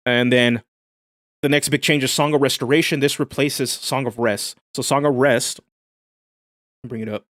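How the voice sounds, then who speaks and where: A man hosts a livestream in a loose, excited way, reacting to new rules and catching up with chat. His voice sits at a middle pitch, and the sound is dry with no room echo. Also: moderate pace, long pauses. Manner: enthusiastic, casual slang, reads chat aloud. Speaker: livestream host. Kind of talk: casual livestream commentary.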